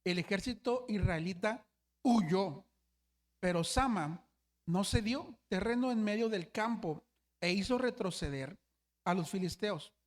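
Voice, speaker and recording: A man's voice: high-pitched, expressive, a little slow. A man who is a pastor, preaching a sermon and telling a story, with frequent restarts and constant asides to his listeners. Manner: storytelling, often says hermanos, frequent restarts.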